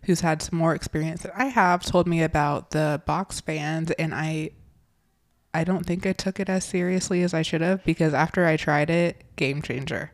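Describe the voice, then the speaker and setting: A woman's voice: deep voice, fairly even intonation, moderate pace. An American woman hosting a casual chat, with slightly whistling s sounds. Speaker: podcast host, pediatric nurse practitioner.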